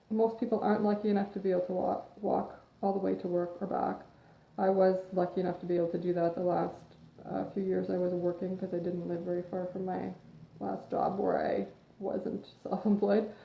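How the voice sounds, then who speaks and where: Over a phone or webcam livestream, a woman with a gravelly, medium-pitched voice chats casually and offers advice as a fitness coach. She wanders off on tangents and is slightly sniffly from allergies. The room is echoey and the audio dull and lo-fi.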